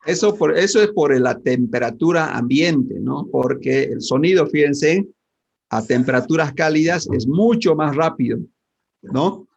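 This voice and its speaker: A male physics teacher, talking through a lesson and tossing question after question at his class. His voice is gravelly and husky at a middle pitch. It comes through a dull, lo-fi mic. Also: expressive, a little slow, darkish tone. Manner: asks the class questions constantly, with many tag questions. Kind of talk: online class lecture.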